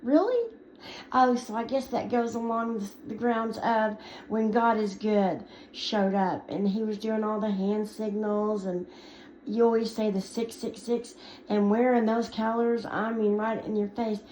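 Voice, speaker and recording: A woman's voice: mid-range voice, level tone, a little slow, a little mellow, slight background noise. A woman ranting to the camera, scolding and sarcastic as she answers someone she is angry at. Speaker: commentary vlogger. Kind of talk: angry response rant to camera. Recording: echoey lo-fi recording with faint ambience.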